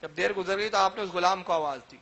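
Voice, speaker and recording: Male preacher, very high pitched, dramatic sermon storyteller. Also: fairly bright tone. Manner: dramatic, retells stories with acted quotes. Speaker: religious speaker.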